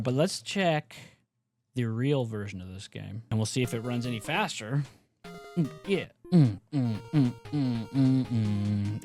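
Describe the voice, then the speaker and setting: A man's voice: medium pitch, darkish tone. Man rambling through casual gameplay commentary. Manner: loose, rambling, swears freely. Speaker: gaming YouTuber.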